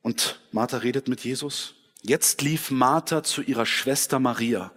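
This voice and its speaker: A man preaching a sermon in a church hall, switching between dramatic scripture reading and quiet personal reflection. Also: mid-range voice, a little slow. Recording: long hall reverb.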